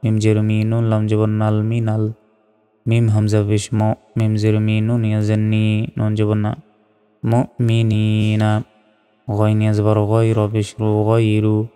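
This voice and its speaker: A man teaching Quran reading, methodically spelling out each syllable and then reciting the verses in slow, drawn-out phrases. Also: fairly low pitch, monotone, mellow, clear, resonant tone. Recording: long reverb, faint background music.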